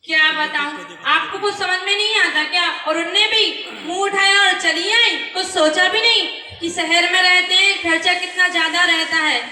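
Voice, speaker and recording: A woman's voice: very high voice, fairly even intonation, normal speed, pushed and bright, exaggerated voice. A woman playing a scolding young wife. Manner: scolding, sarcastic. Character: sharp-tongued young wife, stingy and scolding. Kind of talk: amateur stage drama. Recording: echoey hall with long reverb, from far off.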